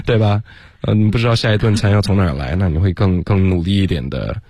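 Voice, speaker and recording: Low-voiced male co-host, relaxed. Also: moderate pace, breathy edge, no echo. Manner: relaxed, hesitant, laughs often. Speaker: co-host, English teacher. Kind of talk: radio English lesson. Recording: dry studio radio.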